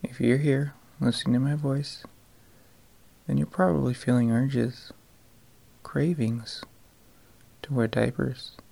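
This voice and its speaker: A man giving a scripted hypnosis-style relaxation in a soft, soothing voice close to the ear, often dropping into a whisper. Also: medium pitch, steady tone, creaky. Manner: slow, soothing, drawn-out phrasing with pauses.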